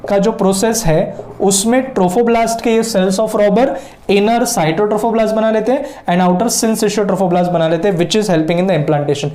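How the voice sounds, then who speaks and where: A man teaching biology in a lecture, mixing Hindi and English and drawing out key terms slowly. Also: high voice, dark tone, roomy sound. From India. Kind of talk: whiteboard lecture.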